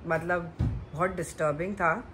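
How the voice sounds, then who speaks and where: A woman, a mother on a home vlog, who talks in a soft, halting and hesitant way. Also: on the low side, steady tone, soft background music. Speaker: vlogger co-host, mother. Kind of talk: casual conversation on a vlog.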